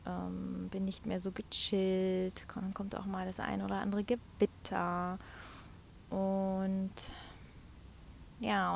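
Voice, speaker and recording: A woman talking personally and reflectively, often dropping to a soft half-whisper and laughing between thoughts. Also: medium pitch, vocal fry, slight background noise. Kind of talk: personal talk about her cycle.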